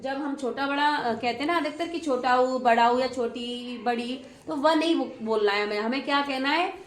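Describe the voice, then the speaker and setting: A woman teacher with a high-pitched voice leads a classroom lesson on Hindi vowel signs at a moderate pace. She patiently prompts her students with questions and praises their answers. The room is echoey, with faint noise.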